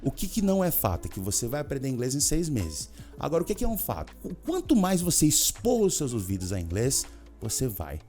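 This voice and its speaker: A man runs an upbeat English lesson for his viewers, his voice swinging widely up and down as he drills words aloud. He makes chatty asides between examples, sitting at a mid pitch, with soft music faint underneath. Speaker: English teacher. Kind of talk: energetic video lesson.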